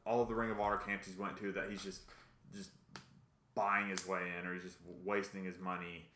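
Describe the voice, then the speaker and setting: A man's voice: sits low, level tone, brisk, pushed and bright, echoey room, a little hiss or hum. A man co-hosting a podcast in casual chat, giving short replies and dry asides.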